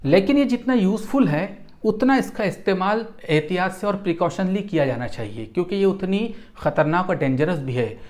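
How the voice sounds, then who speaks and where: This is a didactic medical lecture from a physiotherapy and Unani regimenal therapy instructor, who explains by restating terms and going over phrases again. The voice is mid-range and a little mellow.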